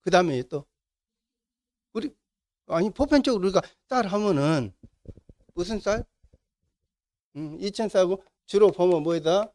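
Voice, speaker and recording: Teaching his class, a middle-aged man with a Jeolla Korean accent speaks a little slowly, his slightly high, darkish voice full of lively intonation and long pauses. As the instructor, he repeatedly asks the students questions and then supplies the answers himself.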